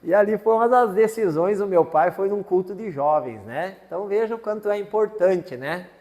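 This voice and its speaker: A man's voice: high voice, moderate pace, darkish tone. A man preaching a sermon as pastor, telling a family story in a folksy way with frequent tag questions. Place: church. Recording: church hall with long reverb. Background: long hall reverb.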